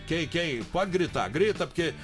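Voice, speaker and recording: A man's voice: a little high, expressive, moderate pace, faint music behind. A man with a Brazilian Portuguese accent hosting a live morning radio show, joking and teasing his co-hosts. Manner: playful, teasing, loud and joking. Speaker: radio host. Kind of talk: casual live radio banter.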